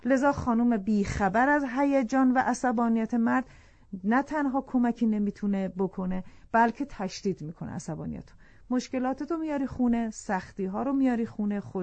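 A woman's voice: on the high side, a little mellow, no echo. Woman giving earnest marriage advice, dull sound. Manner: earnest, lecturing, restates points for emphasis. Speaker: family psychology expert. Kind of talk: explanatory talk-show advice.

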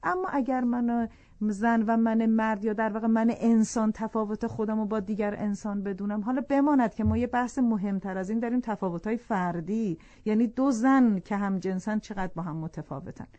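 A woman's voice: a little high, dark tone, no echo, dull audio. A woman explaining the psychology of couples on a talk show in an earnest, lecturing way, restating her points for emphasis. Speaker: family psychology expert.

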